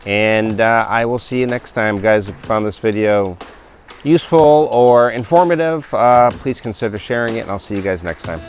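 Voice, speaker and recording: Rambling along with frequent fillers and laughs, a relaxed fifty-year-old travel vlogger walks and talks while showing his viewers around. His voice is lowish at a moderate pace, with a little hiss or hum in the recording.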